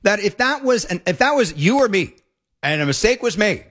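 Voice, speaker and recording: A man hosting a talk radio show, delivering opinionated commentary in a sarcastic, mocking, excitable way into a studio mic. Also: high voice, normal speed. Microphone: studio broadcast mic.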